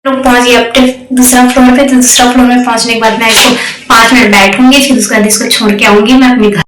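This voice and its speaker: A woman's voice: fairly high pitch, little pitch movement, quick pace. A woman working as a nanny and house helper, chatting casually as she narrates her day step by step on her phone. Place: apartment, balcony and park. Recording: loud background noise.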